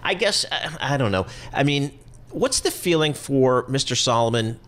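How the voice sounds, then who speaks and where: A man co-hosting a business show, asking casual questions with quick asides. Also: medium pitch, sing-song, a bit bright. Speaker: co-host.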